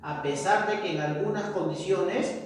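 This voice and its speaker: High-voiced male teacher in an echoey room. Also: normal speed. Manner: checks in with frequent tag questions. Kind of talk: classroom lecture. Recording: echoey room, far from mic.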